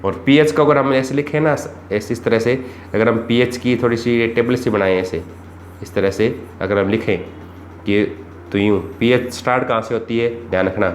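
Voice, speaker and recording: A man teaches an exam-prep chemistry lesson, posing rhetorical questions and going back over the key points. His mid-range voice stays steady at a moderate pace, and the room is echoey with faint background noise.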